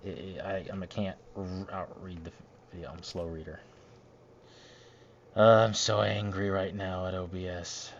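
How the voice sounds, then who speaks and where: A man's voice: deep voice, level tone, normal speed, vocal fry, lo-fi sound. A man narrating over his gameplay footage after the fact, grumbling and rambling in an annoyed way. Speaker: gameplay commentator. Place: home recording setup, voiced after the footage.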